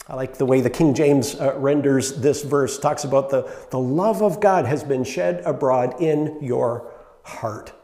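A middle-aged man preaching a sermon in a relaxed, conversational way, with fillers and rhetorical questions to the congregation. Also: fairly high pitch. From Canada. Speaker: pastor. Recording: echoey hall with long reverb.

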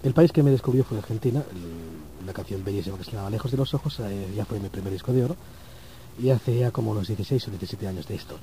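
A man's voice: lowish voice, quick pace, mellow, slight background noise, poor audio. A man from Barcelona with a Spanish accent, a singer guesting on a radio show, talking modestly and rambling with fillers. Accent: Spanish from Spain. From Barcelona, Spain. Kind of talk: radio interview. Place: radio studio in New York.

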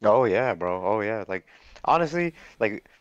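A young man with a low, smooth, resonant voice chats on a podcast. He is relaxed and slangy, and swears freely. The recording is slightly dull and dry. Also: a little slow, no room sound. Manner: laid-back, slangy, profane. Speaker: podcast host. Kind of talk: casual chat.

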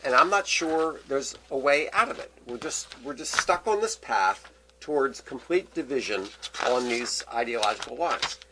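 A man's voice: medium pitch, expressive, normal speed, background noise. A man co-hosting a casual political podcast chat, emphatic and sarcastic. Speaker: podcast co-host.

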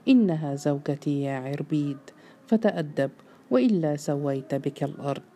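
امرأة تؤدي دور أب عجوز صارم ومتسلط يأمر بنبرة مهددة في قصة مسموعة. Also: female voice, deep voice, lively intonation, moderate pace, warm tone, slight background noise. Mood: commanding. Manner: commanding, menacing. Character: stern, domineering old patriarch man.

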